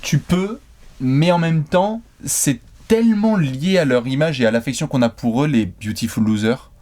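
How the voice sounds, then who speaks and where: A man co-hosting a casual talk show, reading viewer questions and chatting in a relaxed, slangy way. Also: on the high side, moderate pace. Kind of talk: casual debate.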